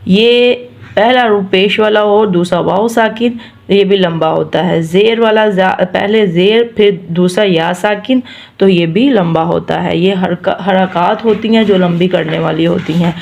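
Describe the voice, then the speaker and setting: A woman's voice: mid-range voice, creaky, darkish tone, lo-fi sound. Patient woman teaching Quran recitation. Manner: patient, repeats each word slowly, drawn-out recited syllables. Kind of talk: tajweed lesson, slow recitation then explanation.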